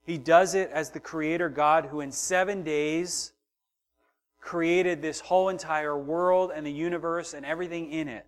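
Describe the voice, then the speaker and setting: A middle-aged male pastor delivers a sermon in a voice pitched a little high. He swings between soft, intimate passages and loud, emphatic build-ups, slipping into the voices of the people in his story. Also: fairly even intonation, normal speed.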